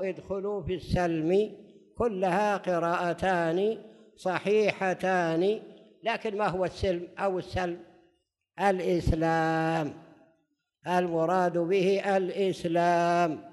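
A man preaching a religious lesson, slowing to recite scripture and posing and answering his own questions. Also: sits high, darkish tone. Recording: long reverb hall.

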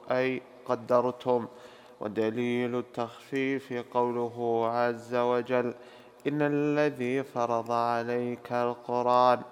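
A man formally reading a classical commentary aloud in a slow, careful recitation for his teacher. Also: medium pitch, in a large hall, a little hiss or hum.

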